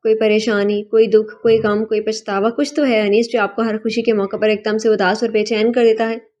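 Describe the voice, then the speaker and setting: A woman voicing a devoted young wife in an audiobook, with a gentle, heartfelt and tearful delivery. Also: medium pitch, flat delivery, lightly acted. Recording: dull lo-fi recording.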